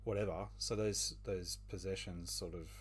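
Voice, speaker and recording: Deep-voiced man musing in a book chat. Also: fairly even intonation, normal speed, slight background noise. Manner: thoughtful, hesitant, many fillers. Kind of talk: casual book discussion.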